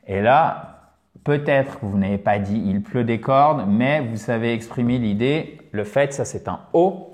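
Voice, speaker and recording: A man teaching an English lesson, explaining with many pauses, fillers and checks like "ok?". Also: mid-range voice, darkish tone.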